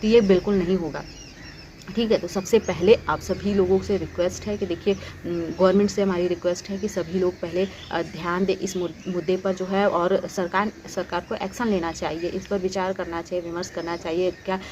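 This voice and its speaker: Woman, earnest pleading commentary, lowish voice, many fillers and restarts, faint background noise. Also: fairly even intonation, a little fast, darkish tone, lo-fi sound. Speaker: YouTube commentator on exams. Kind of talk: direct-to-camera commentary.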